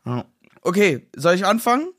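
A young man co-hosting a podcast in casual chat, slangy and excitable, acting out quotes. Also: sits high, normal speed, no echo, clean studio sound. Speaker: podcast co-host.

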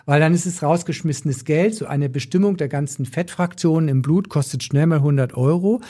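A nutrition doctor appears as an expert on a podcast, explaining things emphatically and with strong opinions, repeating points to stress them. His voice is on the high side, mellow, and brisk.

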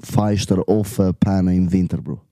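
A man's voice: low-pitched, flat delivery, normal speed, mellow, dry recording. A man with a Swiss German accent hosting a podcast in slangy, casual chat, chiming in with short asides. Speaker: podcast host.

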